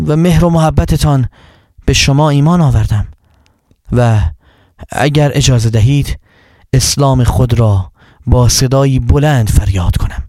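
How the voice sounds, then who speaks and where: A male storyteller voicing a bold young man who loudly announces himself and pledges his faith. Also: medium pitch, long pauses, no echo, studio quality, lightly acted. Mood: earnest. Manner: loud, proclaiming.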